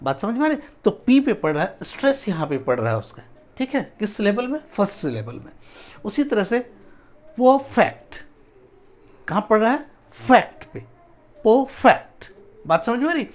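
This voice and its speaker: A man's voice: high voice, big pitch swings, fast. A man teaching a spoken English lesson, drilling words syllable by syllable and often checking that his students follow.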